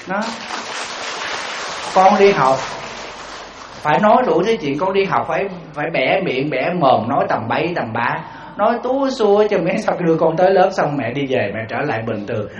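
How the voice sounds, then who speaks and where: A man's voice: a little high, a little hiss or hum. A man giving a storytelling dharma talk as a Buddhist monk, putting rhetorical questions to his audience. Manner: animated, acts out quoted voices. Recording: roomy, slightly dull hall recording.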